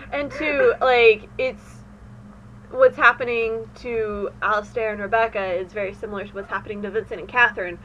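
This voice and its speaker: A woman's voice: on the high side, steady tone, normal speed, a bit bright. A woman co-hosting a casual fan podcast, chatty and playfully joking. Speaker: podcast co-host. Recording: dull lo-fi sound with faint noise.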